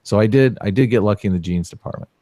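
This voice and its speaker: A man in his forties talks as an easygoing guest, joking lightly and answering freely. His voice is fairly low. The recording is dry, with little room sound. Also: quick pace, dark tone, no room sound. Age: 40s. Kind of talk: casual interview chat.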